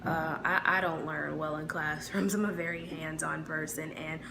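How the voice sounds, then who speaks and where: Speaking at a normal pace in a low voice with vocal fry, a Midwestern-accented American vlogger chats to the camera, relaxed and full of fillers. The background is noisy.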